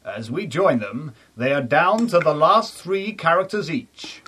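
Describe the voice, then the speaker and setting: A man narrating a comedy audio drama with a brisk announcer delivery. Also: on the high side, expressive, bright, forceful tone, slightly rough, exaggerated voice. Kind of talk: comedy radio-play narration.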